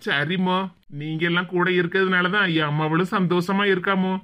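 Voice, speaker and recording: A gentle widowed village father in a cartoon, voiced by a woman, speaking with a Tirunelveli Tamil accent. He talks softly and plainly, with a sorrowful tone. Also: fairly low pitch, fairly even intonation, a little fast, muffled recording, very noisy, close to an everyday voice.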